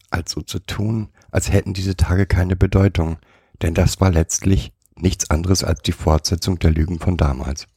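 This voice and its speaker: A man reading a story aloud for a podcast, in a calm, measured way. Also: sits low, gravelly, husky, no room sound, clean studio sound.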